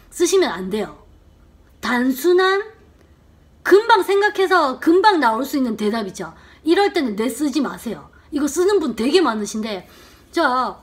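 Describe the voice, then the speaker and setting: A middle-aged woman teaching a casual language lesson in a bright, high voice that swoops up and down. She acts out little sample exchanges, slowing down and stretching the intonation so each example is easy to follow. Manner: lively, acts out short sample dialogues with slowed, exaggerated intonation.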